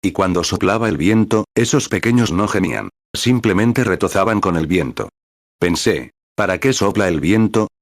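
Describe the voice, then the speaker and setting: A man with a lowish voice reads a sermon aloud in a steady, even preaching cadence. The sound is dry and close, with no room around it. He calls out the paragraph numbers as he goes. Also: moderate pace, no echo. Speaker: reader of a translated sermon.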